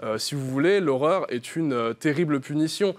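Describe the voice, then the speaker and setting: A young man, a columnist on a web talk show, giving a playful mock sales pitch with many fillers. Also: animated, normal speed.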